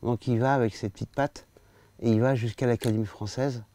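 A man in his sixties telling a personal story aloud, lively and hesitant, with many fillers. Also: mid-range voice, brisk. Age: 60s. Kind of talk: spoken storytelling. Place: small venue.

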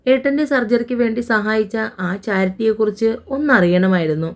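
A woman's voice: a little high, brisk, darkish tone, lightly acted. A woman voicing a spirited, affectionate young nurse in a romance audio story.

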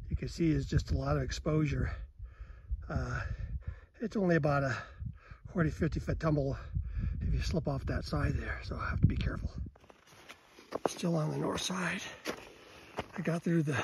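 An older man narrating his own winter hike in a relaxed, plain way, recorded outdoors on a phone held at arm's length. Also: fairly high pitch, background noise. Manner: relaxed, plain, with fillers and pauses while hiking. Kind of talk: casual narration while walking. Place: outdoors on a snowy mountain trail. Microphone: phone camera held at arm's length.

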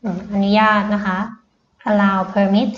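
A woman's voice: mid-range voice, level tone, fairly bright tone, roomy sound, dull audio. A woman English tutor with a Thai accent, teaching children vocabulary patiently and repeating each word. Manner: patient, repeats words slowly. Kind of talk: slow vocabulary lesson for children.

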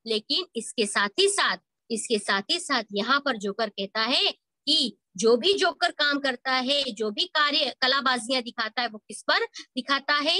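High bright-voiced woman teaching online. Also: lively intonation, measured pace, no room sound. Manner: asks questions and answers them herself, coaxing students. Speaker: school Hindi teacher. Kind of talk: online class lesson. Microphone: video call.

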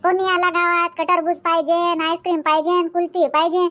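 A woman's voice: very high voice, little pitch movement, a little fast. A woman voicing a nagging, thrifty old village grandmother in a cartoon. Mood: grumbling. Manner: nagging, sharp-tongued.

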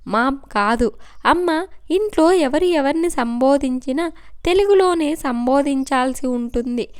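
A woman's voice: sits high, expressive, measured pace. A woman voicing a strict, suspicious middle-aged mother in a spoken story. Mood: stern.

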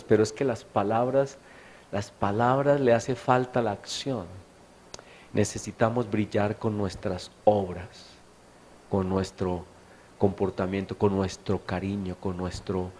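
Here a middle-aged man from Colombia, a pastor, delivers a sermon in a church meeting hall. His voice sits on the low side and sounds darkish, and he chats through stories while asking his listeners questions.

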